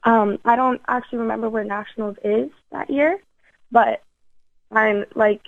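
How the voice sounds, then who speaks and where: A woman's voice: fairly high pitch, steady tone, moderate pace, no room sound. Teenage girl, enthusiastic interview guest, phone-line sound, dry. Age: teens. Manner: enthusiastic, lots of fillers and restarts. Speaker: youth athlete guest.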